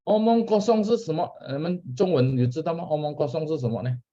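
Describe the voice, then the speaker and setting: On a dull lo-fi recording, a man with an Indonesian accent leads a church Bible class in a casual, chatty style. His voice is a little high and dark-toned, and he speaks quickly, asking questions and repeating key words.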